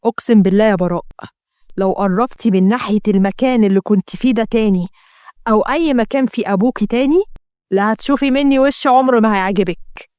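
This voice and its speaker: A woman's voice: medium pitch, quick pace, darkish tone, dry recording, studio quality, close to an everyday voice. Woman voicing a stern angry young husband. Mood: threatening. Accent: Egyptian Arabic. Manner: stern, threatening.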